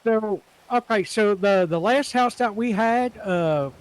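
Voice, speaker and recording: Higher-voiced man in casual roleplay. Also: slow pace, clean tone, rough recording. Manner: casual, rambling, swears lightly. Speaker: roleplay player. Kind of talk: in-character roleplay chat.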